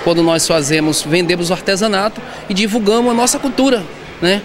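In a street interview conducted in a shopping mall, an artisan from southern Bahia, Brazil, replies into a reporter's handheld mic in a high, steady-toned voice. He speaks haltingly, repeating and restarting words, while loud background noise persists the whole time.

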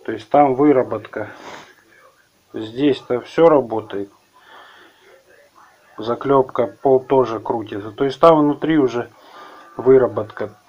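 Slow, rambling man fixing a car. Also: mid-range voice, lo-fi sound. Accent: Ukrainian-accented Russian. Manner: unhurried, rambling, plain-spoken. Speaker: car repair video host. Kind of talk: casual how-to vlog. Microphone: handheld camera, filming his own hands.

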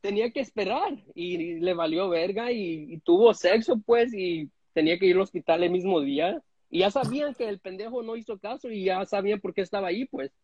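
This husky, high-voiced man from the United States joins a live stream as a guest caller, chatting casually from an indoor room at home. He's crude and rambling, restarting often, talking fairly quickly with few pauses. His phone's front camera, held at arm's length, gives a dull, darkish, dry recording.

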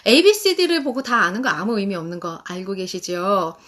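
Animated woman guiding parents on a stream. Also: medium pitch. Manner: animated, repeats English phrases slowly for parents. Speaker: parenting guide host. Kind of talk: live-stream guide talk.

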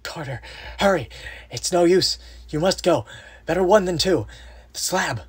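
Doomed male explorer for a horror storybook, acted out by a man: raised, strained pitch, terrified, urgent, desperate warnings. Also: animated, unhurried, breathy edge, full character voice. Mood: anxious resignation. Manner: frantic, urgent cries.

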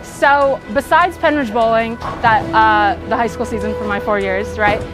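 This teen girl, a high school bowler, has a voice on the high side with fairly even intonation at a moderate pace. She chats upbeat and casually about bowling with many fillers during an interview in a bowling alley, where the poor audio carries music underneath.

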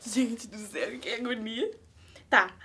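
A woman's voice: a little high, unhurried, pushed and bright, slightly rough. A young woman with a Brazilian accent chatting nervously and giggling through a prank video. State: anxious. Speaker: YouTuber pranking her mother. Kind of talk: casual prank vlog chat.

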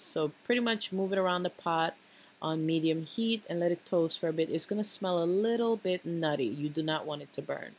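Low-pitched female cooking host, patient step-by-step recipe voice-over. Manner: instructive, repeats tips with a checking "okay?".

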